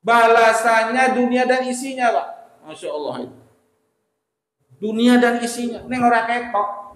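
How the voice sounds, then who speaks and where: A man's voice: extremely high pitch, normal speed, a bit bright. A man preaching a sermon in a mosque, talking conversationally and putting questions straight to the congregation. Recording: very echoey mosque hall.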